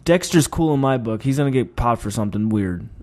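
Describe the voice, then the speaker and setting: Sleepy, profane man with lively pitch. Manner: profane, laid-back, drawn-out musings. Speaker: podcast co-host. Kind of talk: casual chat about fights.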